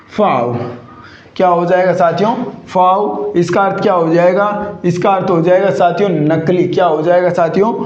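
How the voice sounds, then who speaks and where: A man's voice: high-pitched, darkish tone. A man teaching English grammar in a classroom-style lecture, constantly asking rhetorical questions and repeating the answers. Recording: echoey muffled room.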